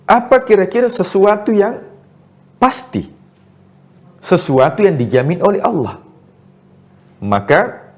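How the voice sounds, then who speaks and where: A man preaching a sermon, asking rhetorical questions and answering them with emphatic rises and soft drops. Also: mid-range voice. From Indonesia.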